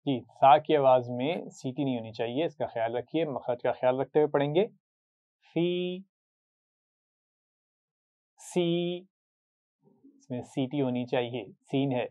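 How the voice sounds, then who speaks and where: A man teaching a Quran recitation lesson, patiently drilling short syllables for students to repeat, with a Pakistani Urdu accent. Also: mid-range voice. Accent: Urdu-speaking, Pakistani. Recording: tinny phone-like sound.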